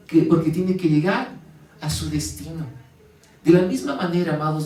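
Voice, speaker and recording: A man's voice: fairly high pitch, darkish tone. A man preaching a sermon, reading scripture and asking the congregation rhetorical questions. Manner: reads scripture aloud with emphasis. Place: church. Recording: roomy sound from a distance.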